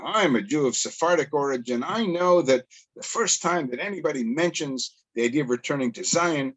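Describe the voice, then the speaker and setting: A man's voice: fairly high pitch, expressive, a little fast, rough recording. A middle-aged man from Canada, a tour guide and educator, giving a chatty lecture over a video call and asking rhetorical questions. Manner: chatty, self-deprecating, asks rhetorical questions.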